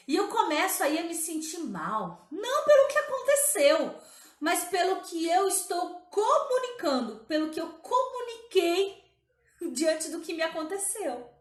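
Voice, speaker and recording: A woman's voice: extremely high pitch, fairly bright tone, echoey room. A woman teaching in a live-streamed talk as a motivational coach, emphatic and often checking in with her listeners.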